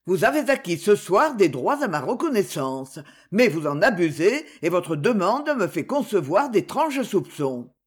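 Young suspicious king, imperious, read by a woman; husky, animated delivery. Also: mid-range voice, measured pace. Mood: angry. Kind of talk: audiobook character reading.

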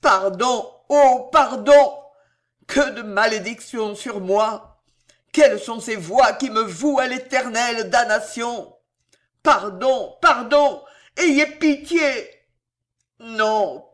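A man's voice: high voice, takes it slowly, hardly any pauses, fairly bright tone. A man reading aloud, voicing a delirious dying young king who pleads in frantic cries, tormented by guilt. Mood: begging. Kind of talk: dramatic reading of a historical novel.

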